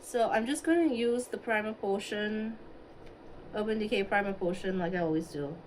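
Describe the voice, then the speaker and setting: Doing her makeup on a livestream, a woman from Singapore talks casually and thinks out loud while replying to viewers. She speaks at normal speed in a mid-range, darkish voice. Captured by a phone on a stand, the rough audio has a little hiss or hum.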